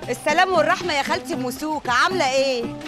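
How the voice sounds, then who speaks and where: Actress doing a sweet-talking egyptian neighbour, high voice, music behind. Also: female voice, racing, lightly acted. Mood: flattering. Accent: Egyptian Arabic. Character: flattering young neighbour woman fishing for gossip.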